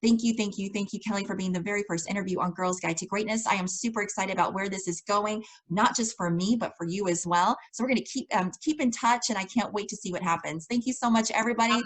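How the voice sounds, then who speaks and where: A woman's voice: medium pitch, quick pace, few pauses, rough recording. A woman hosting a podcast interview, talking with effusive enthusiasm in a casual chat. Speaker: podcast host.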